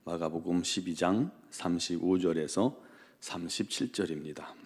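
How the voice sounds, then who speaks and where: Low-voiced male pastor preaching calmly. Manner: calm, conversational storytelling with frequent "uh" pauses; reads scripture in a measured, formal cadence. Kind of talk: early-morning prayer sermon.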